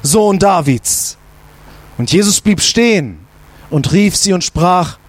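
A male pastor preaches emphatically and with animation at a measured pace. He leans on repeated rhetorical questions and drops to a low voice for emphasis.

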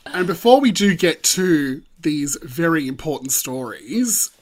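A man hosting a fan podcast in a relaxed chat. He opens with playful, theatrical greetings and addresses his co-host affectionately. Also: fairly high pitch, a little slow. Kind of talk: casual chat.

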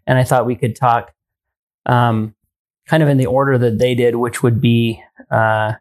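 A man co-hosting a tech podcast, talking casually in a rambling, hesitant way with many pauses and frequent laughs. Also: mid-range voice, little pitch movement. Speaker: podcast co-host.

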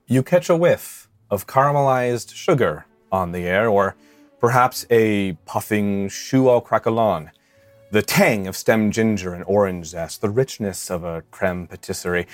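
A woman's voice: extremely low pitch, a little slow, no echo, faint music behind. A woman running a tabletop game as game master, narrating scenes playfully and laughing often.

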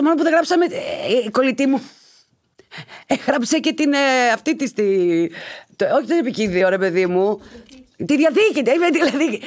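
Animated, swearing woman podcast host. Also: a little high. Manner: animated, swears freely, addresses listeners directly. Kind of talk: casual chatty monologue.

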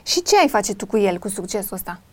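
A woman's voice: mid-range voice, sing-song. A woman interviewing a young child, asking coaxing, teasing questions in a playful way.

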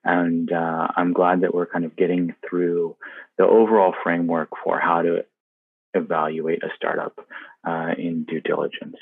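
A man's voice: low-pitched, completely flat delivery, moderate pace, vocal fry, slightly rough, no room sound. A man hosting a conversational podcast interview, thinking aloud and hedging as he talks. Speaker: podcast host. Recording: dry, tinny phone-like line.

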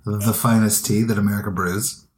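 A woman's voice: very deep voice, fairly even intonation, moderate pace, echoey room, slight background noise. A woman co-hosting a podcast in casual chat, playful and close to the mic. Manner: playful, leans into the mic for mouth sounds. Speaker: podcast co-host.

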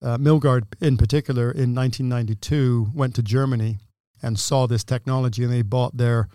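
Guest voice, England-born man in his sixties, mid-pitched and confident, explaining things step by step. Dry, close podcast sound with no room around him. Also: fairly even intonation, brisk, mellow, clean tone, no room sound. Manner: explanatory, detailed, assured. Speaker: guest, window company owner. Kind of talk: casual interview talk.

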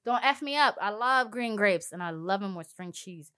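A young woman co-hosting a casual comedy chat, playful and slangy, often dropping into a low mumble. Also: lively intonation, normal speed, a bit bright, smooth. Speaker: podcast co-host.

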